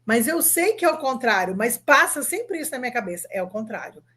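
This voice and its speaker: A Brazilian woman in her fifties, an English teacher giving an online lesson, upbeat and coaxing, drilling words slowly and spelling them out. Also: sits high, very animated, pushed and bright, slightly rough. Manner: upbeat, coaxing, asks the viewer to answer.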